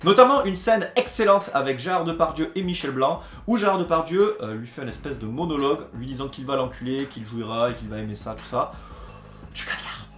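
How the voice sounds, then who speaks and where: A man's voice: medium pitch, lively intonation, brisk, few pauses, a bit bright. A man hosting a comedy video, reading out film slogans and mocking them with sarcastic asides. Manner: sarcastic, mock-dramatic, jokey asides. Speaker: host of a comedy video series. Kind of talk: comedic voice-over commentary. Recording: roomy echo.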